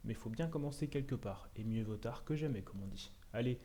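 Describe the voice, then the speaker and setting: A man's voice: mid-range voice, fairly quick, dark tone. A man hosting a scripted wrestling prediction video, making opinionated, sardonic asides.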